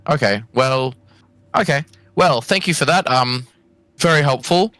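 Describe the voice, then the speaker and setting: An Australian man playing a tabletop game, quick with sarcastic jokes. His voice is bright and close, recorded dry with no room sound. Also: medium pitch, dry recording. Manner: joking, sarcastic banter. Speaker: player. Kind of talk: casual tabletop play.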